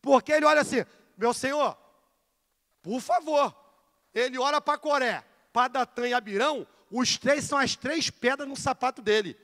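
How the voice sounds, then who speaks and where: A man from Rio de teaching the Bible in a church, fervent, swinging between loud exclamations and hushed asides as he acts out dialogue. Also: extremely high pitch, a little fast, few pauses. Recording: long hall reverb.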